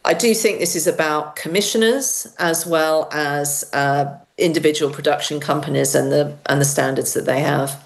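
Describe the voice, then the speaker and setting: A woman speaking as a guest on a discussion panel, measured and full of restarts. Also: sits low, vocal fry. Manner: measured, with many restarts and fillers.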